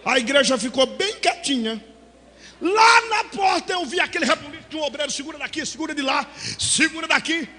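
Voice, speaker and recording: A Brazilian man preaching a Pentecostal sermon, telling stories and breaking into shouted, sing-song calls. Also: very high voice, animated, fairly quick, big-room sound. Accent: Brazilian Portuguese. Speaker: pastor.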